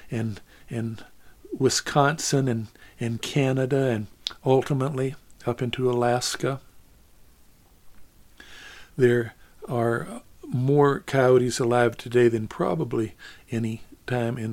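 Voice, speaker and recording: A man telling a story in an unhurried, easygoing way, often repeating words as he gathers his thoughts. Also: mid-range voice, darkish tone. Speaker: storyteller and singer.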